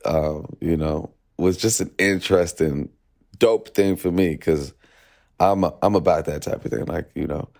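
A man's voice: low-pitched, measured pace, a little mellow. A man, a musician being interviewed, talking things through loosely and reflectively in casual chat. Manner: reflective, loose, says "you know" often. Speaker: guest musician.

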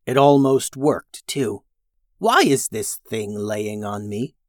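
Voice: slow pace, dry recording, studio quality, natural voice. A narrator putting on a grumbling crystal dragon. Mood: grumpy. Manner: grumbling, low and quiet. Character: grumpy female crystal dragon, territorial and hungry.

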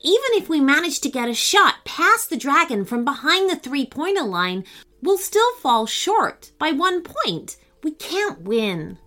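A woman's voice: high-pitched, big pitch swings, unhurried, bright, forceful tone, voice pushed up, heavily acted. A woman playing a glum young boy. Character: boy, determined brother.

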